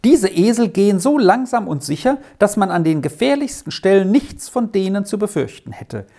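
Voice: mid-range voice, sing-song, normal speed, mellow, pitched above the performer's own voice. A reader voicing an insistent, well-off lady traveler who scolds and commands in an audiobook story. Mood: annoyed. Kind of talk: audiobook reading.

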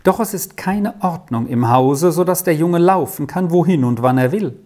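A reader voicing a chatty, kindly middle-aged gentlewoman who talks in a lively way. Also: medium pitch, moderate pace, pitched above the performer's own voice, natural voice.

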